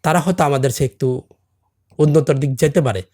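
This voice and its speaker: A man's voice: a little high, brisk, warm tone. Earnest middle-aged man, non-native Bengali accent. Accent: non-native Bengali, from a Hindi-speaking camp community. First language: Hindi. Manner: earnest, presses with rhetorical questions like "understand?". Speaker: podcast guest, salon owner. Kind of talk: casual chat.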